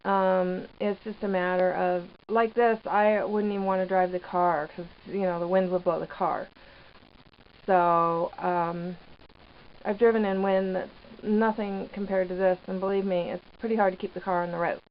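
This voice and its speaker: A woman giving rambling, hesitant, casual vlog commentary from inside a small trailer, pausing mid-sentence. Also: mid-range voice, steady tone. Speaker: vlogger living off grid in a trailer. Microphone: handheld camera microphone. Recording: dull lo-fi camera audio, background noise.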